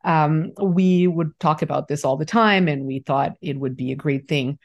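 A middle-aged woman from Haiti talks as a guest on an interview podcast. Her voice sits low, and she speaks in a thoughtful, halting way, often restarting her sentences. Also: lo-fi sound. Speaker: fertility doctor, podcast guest. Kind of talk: conversational interview.

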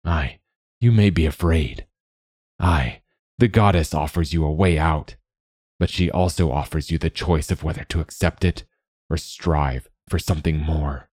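A man voicing a gentle, wise older male guide who speaks slowly and in a fatherly way. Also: extremely low pitch, dry recording, studio quality. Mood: firm. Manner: slow, fatherly, calls the youth lad.

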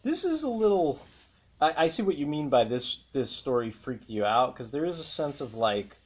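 A man co-hosting a casual fan chat, thinking aloud in a halting way and repeating words. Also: on the high side, sing-song, breathy edge. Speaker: podcast co-host. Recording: dull lo-fi audio.

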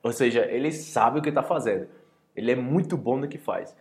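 Speaking a little fast at medium pitch, a Brazilian man with a Brazilian Portuguese accent teaches language in a casual podcast lesson, acting out lively example phrases.

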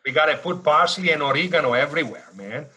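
A man in his fifties with an Italian accent tells his life story as an interview guest. His voice is bright and a little husky. He jokes, wanders and fills gaps with "you know" as he goes. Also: on the high side, fast talker, poor audio. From northern Italy. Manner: animated, jokey storyteller with frequent fillers. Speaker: guest, business school dean.

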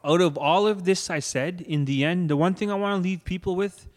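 A young man as an interview guest, giving an earnest personal testimony and going soft and low when moved. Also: a little fast, big-room sound. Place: room where he married.

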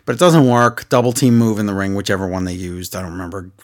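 A middle-aged man co-hosting a podcast, recapping shows in casual chat in an animated, jokey way. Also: sits low, quick pace. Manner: animated, jokey, acts out quotes. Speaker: podcast co-host.

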